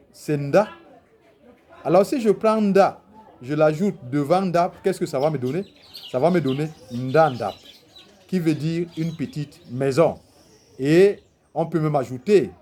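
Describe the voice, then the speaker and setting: A man gives an unhurried lesson, taking his time over each point. His voice sits rather high but sounds soft and mellow. He keeps posing questions and then answering them himself, the way a patient teacher does. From Cameroon. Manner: deliberate, poses rhetorical questions and answers them. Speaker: teacher of traditional spirituality. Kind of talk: explanatory teaching talk.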